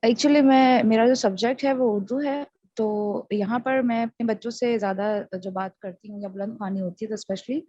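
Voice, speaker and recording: A woman teacher speaking up in an online class, hesitant and pausing with fillers. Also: a little high, fairly even intonation, dark tone, dull audio. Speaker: Urdu teacher.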